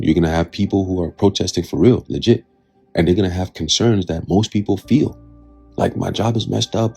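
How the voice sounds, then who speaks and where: A man's voice: low-pitched, a little mellow, breathy edge. A man hosting his own channel, giving blunt, profane commentary on current events, often checking in with "okay?" or "right?" and reading from a news article aloud. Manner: reads from a news article aloud between remarks. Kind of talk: casual political commentary.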